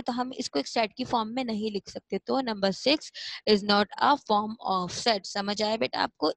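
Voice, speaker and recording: A woman teacher with a fairly high voice walks young pupils through a lesson. She drills each word slowly and repeats it again and again, recorded close and dry with no room sound. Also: dry recording, rough recording. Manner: slow, repetitive, coaxing explanations. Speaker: school teacher. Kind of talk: classroom lesson.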